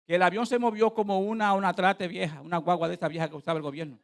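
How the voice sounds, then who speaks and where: A middle-aged man preaching a sermon as pastor, telling a story in an animated way, dropping to quiet asides and rising to loud proclaiming. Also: sits high, rapid-fire, gravelly.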